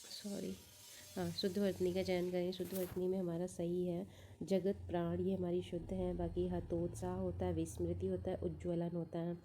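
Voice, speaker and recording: A woman's voice: fairly low pitch, completely flat delivery, normal speed, dark tone, slight background noise. A woman teaching exam prep, going through test answers one by one, repeating each answer and thinking aloud with fillers.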